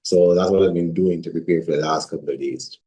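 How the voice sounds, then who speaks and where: Man, from Barbados, sports journalist, very low pitch, matter-of-fact interview talk. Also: steady tone, brisk, warm tone, low-quality recording.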